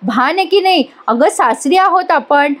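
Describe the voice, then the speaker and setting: A woman reading the quoted lines of a calm elder sister who keeps the peace, in a chiding, motherly manner. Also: sits high, unhurried, pitched above the performer's own voice.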